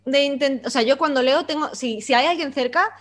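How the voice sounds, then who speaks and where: A woman talks over books in a thoughtful, halting way and often restarts her sentences. Her voice is quite high. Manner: hesitant, reflective, with many restarts. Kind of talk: casual book chat.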